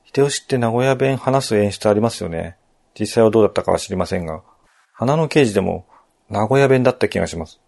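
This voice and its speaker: A man calmly narrating a game walkthrough in polite speech, adding his own asides. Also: lowish voice, fast, creaky.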